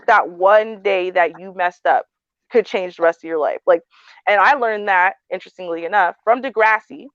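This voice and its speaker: A woman's voice: on the low side, no room sound. A woman speaking bluntly and frankly in a casual panel discussion, full of "um"s and "like"s. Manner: blunt, frank, frequent fillers. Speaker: panel host. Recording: dry, dull lo-fi audio.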